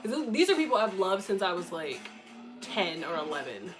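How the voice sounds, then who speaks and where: A woman's voice: medium pitch, big pitch swings, normal speed, over music, low-quality recording. Giggly, foul-mouthed young woman chatting. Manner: candid, swears a lot, giggles often. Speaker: streamer answering viewer chat. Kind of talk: casual livestream chat.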